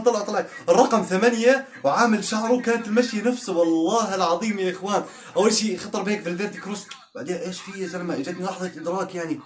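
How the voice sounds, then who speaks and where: A man tears through an excited football match reaction at breakneck speed. His voice sits high, and he exclaims, teases and laughs his way through the highlights.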